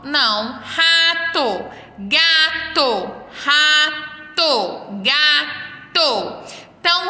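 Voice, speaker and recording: A Brazilian woman teacher guides young children through a lesson at a slow, patient pace. Her voice is very bright and a little high. She sits away from the mic in a room with a long, echoing reverb. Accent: Brazilian Portuguese. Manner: slow, patient, counting and sounding out words. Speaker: primary school teacher. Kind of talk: remote class walkthrough for children. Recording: roomy echo, mic at a distance.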